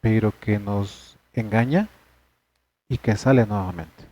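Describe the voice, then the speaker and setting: A man's voice: on the low side, slow, muffled recording. A man leading a church men's study session, talking earnestly and conversationally to the group.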